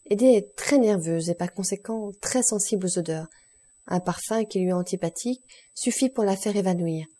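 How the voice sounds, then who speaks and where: A woman voicing a composed, courteous middle-aged count in an audiobook, measured and polite. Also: medium pitch, warm tone, close to an everyday voice. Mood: courtly.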